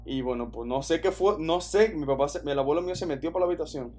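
A man from the Dominican Republic with a Dominican accent, casually telling a personal story in an animated, slangy way, often restarting his sentences. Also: a little high, quick pace, a little hiss or hum. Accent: Dominican Spanish. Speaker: podcast storyteller.

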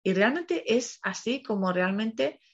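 A woman's voice: fairly high pitch, expressive, measured pace, husky. Chatty Spanish-accented woman, muffled sound. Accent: Spain Spanish. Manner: chatty, rambling, tags phrases with a questioning "no?". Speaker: host of a parenting program. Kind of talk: casual spoken monologue. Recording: slightly muffled recording.

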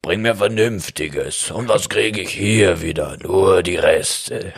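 A man voicing a deep, grumbling, complaining large intestine. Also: slow, vocal fry, husky, no echo, clean studio sound, exaggerated voice.

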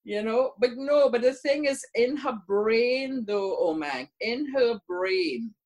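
A woman's voice: a little high, lively intonation, slow, darkish tone. Older woman, emphatic. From Trinidad and Tobago. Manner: earnest, emphatic, repeats words for stress. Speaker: guest, community workshop presenter. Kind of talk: casual conversation.

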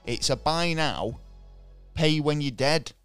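A man's voice: a little high, slow pace, a bit bright, clear, resonant tone, soft background music. A man co-hosting a podcast in casual chat, telling a rambling, jokey story while hiccuping. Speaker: podcast co-host.

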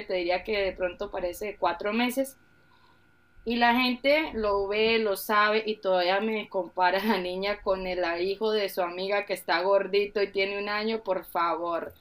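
A woman's voice: medium pitch, a little slow, a bit bright. Woman co-host, frank and emphatic, casual conversational delivery. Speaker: podcast co-host, mother.

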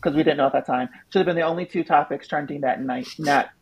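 A man's voice: fairly high pitch, quick pace, creaky, slightly rough, highs cut off. A man chatting casually with friends, blunt and slangy. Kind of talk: casual group chat.

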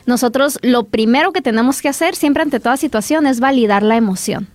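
A woman's voice: on the high side, fairly quick, a little mellow, no echo. A woman psychologist, a guest on an interview show, explaining parenting advice and acting out little parent-child dialogues, with frequent restarts.

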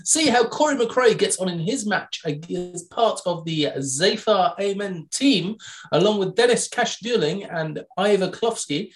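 A woman co-hosting a podcast, briskly reading match lists with dry jokes in a casual news roundup. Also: mid-range voice, lively intonation. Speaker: podcast co-host.

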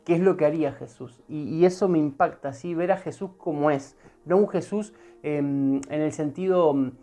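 A woman's voice: low voice, moderate pace, warm tone. A woman with an Argentine accent giving an earnest devotional sermon, repeating her phrases and often checking in with her listeners. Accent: Argentine Spanish. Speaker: preacher.

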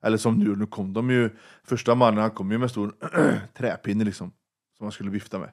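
A man's voice: lowish voice, steady tone, creaky, a little mellow. A man from western Sweden telling a story in a casual interview, blunt and swearing freely, acting out the voices he quotes. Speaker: interview guest.

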